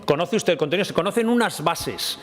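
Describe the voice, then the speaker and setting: A man's voice: high-pitched, lively intonation, fairly quick, a bit bright, faint music behind. A man giving a combative parliamentary speech, repeatedly addressing his opponent by name. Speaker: parliamentary spokesman. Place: parliament chamber. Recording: reverberant chamber with murmuring crowd.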